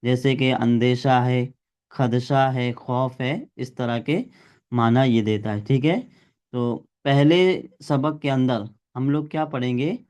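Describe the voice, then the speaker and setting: A man's voice: mid-range voice, takes it slowly, darkish tone. A male teacher giving a classroom grammar lesson, explaining step by step and quizzing his students.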